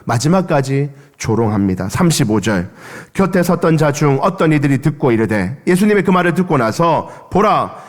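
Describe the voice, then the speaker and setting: A man's voice: sing-song, normal speed. Impassioned preacher man, long church echo. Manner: impassioned, with dramatic swings of pitch and level; leads the congregation in reading aloud. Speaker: pastor. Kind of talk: Sunday sermon. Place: church sanctuary.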